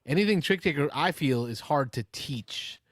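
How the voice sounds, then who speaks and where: A man's voice: on the high side, lively intonation, moderate pace, no echo, studio quality. A man in his forties hosting a call-in show, chatting casually and telling stories. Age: 40s. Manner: chatty, storytelling. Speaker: host. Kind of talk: casual chat.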